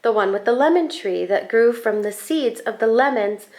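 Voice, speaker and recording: Her slightly high voice carries a picture book reading for children, delivered slowly and expressively by this school staff storyteller.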